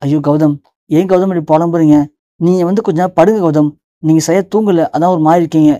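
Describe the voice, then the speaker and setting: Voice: medium pitch, fairly even intonation, fast, warm tone, dull audio, close to an everyday voice. A narrator reading an anxious, caring young wife. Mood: soothing. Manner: soothing, anxious. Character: caring young wife soothing her husband.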